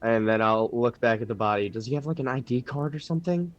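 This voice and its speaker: A man playing a tabletop game, speaking slowly and thinking his choices through aloud. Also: medium pitch, steady tone, dry recording, highs cut off, faint music behind. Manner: deliberate, reasoning aloud; slow, drawn-out speech. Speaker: player. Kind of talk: casual game table chat.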